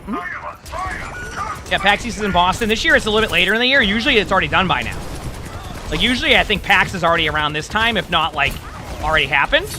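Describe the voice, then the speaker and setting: Fast, high-voiced male streamer on headset audio. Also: animated, over music. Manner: rambling, filler-heavy, frequent restarts. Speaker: game streamer. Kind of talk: casual chat to stream viewers while gaming.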